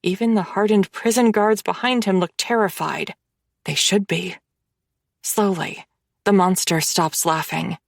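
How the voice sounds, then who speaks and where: A woman narrating a first-person dark romance audiobook in a measured, dramatic way. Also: mid-range voice, steady tone, gravelly, dry recording, studio quality.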